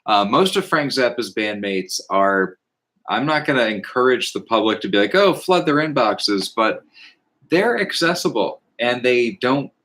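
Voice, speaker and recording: A man co-hosting a podcast, talking about music in a relaxed, thoughtful way. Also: medium pitch, moderate pace. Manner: relaxed, thoughtful, with frequent fillers. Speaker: podcast co-host. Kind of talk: casual conversation about music.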